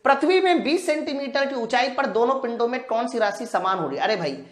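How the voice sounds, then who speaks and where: With lively intonation and a fairly quick pace, a fairly high-voiced woman tutors physics exam students in a live lesson. She steps through practice questions, talks to them directly and informally, and answers the questions she poses.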